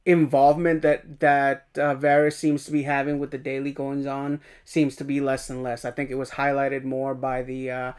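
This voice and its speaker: A man's voice: medium pitch, completely flat delivery, moderate pace, hardly any pauses, clean tone. A man co-hosting a casual review podcast, recapping the plot with energy and acting out the characters' lines. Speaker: podcast co-host.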